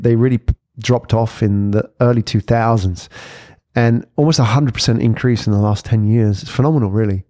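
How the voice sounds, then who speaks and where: Speaking with a mid-range, slightly mellow voice, a forties-aged male podcast host reflects in a casual monologue peppered with rhetorical questions and tags. The sound is clean studio audio with no room sound.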